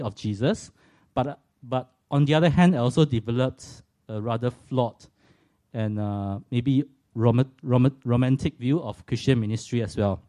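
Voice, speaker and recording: In a dark, mid-range voice, a man in his forties from Singapore shares his faith story with a church audience in a Singaporean accent. He's earnest and reflective, occasionally poking fun at himself.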